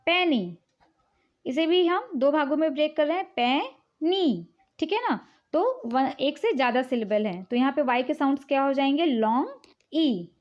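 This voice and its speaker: A woman's voice: high-pitched, darkish tone. A woman teacher explaining English spelling rules patiently, mixing in English words and checking in often. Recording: dull, lo-fi recording.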